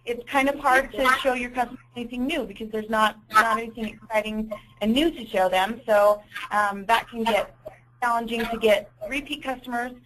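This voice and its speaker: A woman's voice: a little high, sharp tone, poor audio. Woman presenting a business webinar. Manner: informal, self-correcting, apologetic. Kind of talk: conversational business training presentation. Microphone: conference call audio.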